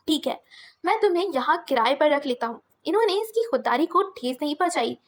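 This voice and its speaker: High-voiced woman narrating a novel. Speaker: audiobook narrator.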